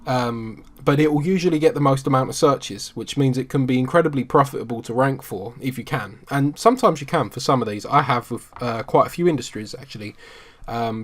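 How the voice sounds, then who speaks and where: Man in a mid register, easygoing screen-share walkthrough with plenty of ums. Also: mid-range voice. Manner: relaxed, conversational, frequent ums. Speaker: SEO marketing instructor.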